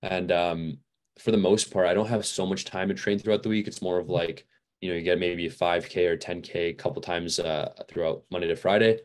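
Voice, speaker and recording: A young man with a very low, deep voice, chatting as a podcast guest. He rambles easily with lots of "like" and "uh," a touch worn out from training. Relaxed and unscripted. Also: a little fast. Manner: rambling, many fillers and restarts. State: a little fatigued. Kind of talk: casual interview chat.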